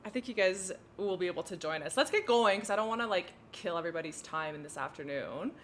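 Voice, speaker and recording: Her voice sits low but moves with lively intonation, and she talks quickly over a faint hiss or hum. She's a French Canadian woman streaming a flight sim, chatting casually, giggling frequently, and walking through her cockpit procedures.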